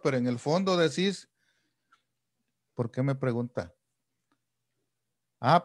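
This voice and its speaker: A man hosting a casual panel chat over a video call, animated and acting out the dialogue he quotes. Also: mid-range voice, dry recording, clean studio sound. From El Salvador. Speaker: host.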